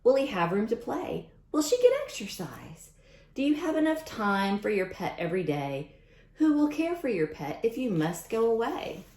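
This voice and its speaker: During a read-aloud storytime, a teacher animatedly shares a picture book, addressing the young children directly with chatty asides. She has a mid-range voice, a moderate pace, and the sound is reverberant.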